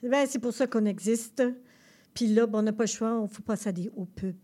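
Woman radio host, mellow tone, higher voice, brisk casual.

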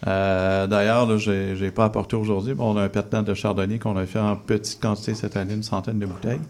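Guest cider maker, Québécois man, lowish gravelly voice, halting delivery full of fillers, studio interview. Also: level tone, a little mellow. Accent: Québécois French. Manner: hesitant, many fillers. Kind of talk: radio interview. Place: radio studio.

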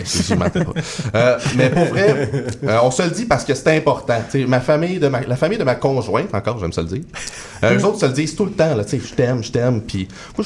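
A man with a Quebec French accent telling comic personal stories as a guest on a radio show, self-mocking and quick with asides. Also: mid-range voice. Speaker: guest columnist. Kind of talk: comic radio chronicle, casual banter. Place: radio studio.

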